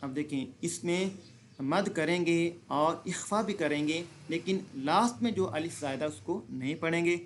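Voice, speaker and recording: A man teaching Quran reading, explaining pronunciation rules and then slowly reciting words, often asking and answering his own questions. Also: a little high, slight background noise. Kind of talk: slow recitation lesson.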